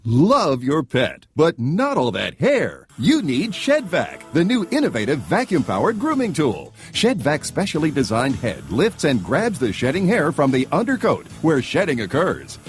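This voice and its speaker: A man delivering a scripted infomercial sales pitch as an emphatic announcer. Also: huge pitch swings, a little slow, hardly any pauses, soft background music.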